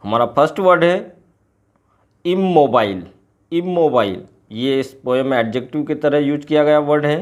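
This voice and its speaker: Man teaching words slowly. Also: fairly high pitch. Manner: repeats each word slowly, then gives English and Hindi meanings. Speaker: English teacher. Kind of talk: explaining a poem's glossary word by word in a lesson.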